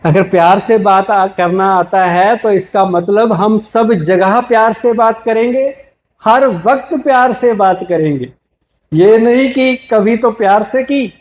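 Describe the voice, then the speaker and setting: A man giving a spiritual talk to an audience, gently teaching and repeatedly asking listeners questions before answering them himself. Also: high-pitched. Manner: slow, gentle, repetitive teaching. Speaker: spiritual speaker.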